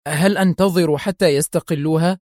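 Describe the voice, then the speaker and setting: Casting: edgy male underling, read by a male narrator, fairly high voice, dry close sound. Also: dry recording, natural voice. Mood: tense. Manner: quick, obedient answers. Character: tense male henchman on the phone.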